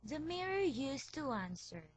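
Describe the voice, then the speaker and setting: A woman reading a fairy tale aloud as storyteller, slow and careful. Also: high voice, big pitch swings, no room sound, low-quality recording.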